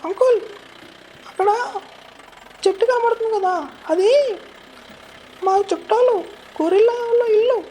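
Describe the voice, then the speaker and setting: Woman doing a squeaky eager cartoon squirrel. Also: moderate pace, pauses often, mellow, a little hiss or hum. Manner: urgent, repeatedly calling out and begging. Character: excitable young squirrel, pleading and chatty. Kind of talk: cartoon voice acting.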